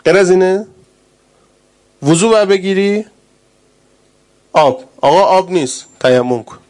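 A man preaching a sermon with great passion, rising to loud urgent cries and dropping to hushed, tender speech. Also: high voice, expressive.

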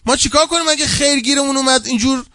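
A seminary cleric with an extremely high-pitched voice delivers a colloquial, anecdote-filled sermon. He swings from loud, lively storytelling to hushed, earnest asides, recorded dry with clean studio sound.

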